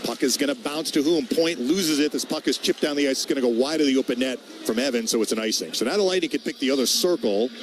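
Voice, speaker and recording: Over a noisy arena backdrop, this radio hockey announcer delivers live play-by-play in short, clipped bursts, naming each player as the puck moves. He talks quickly at a medium pitch and barely pauses.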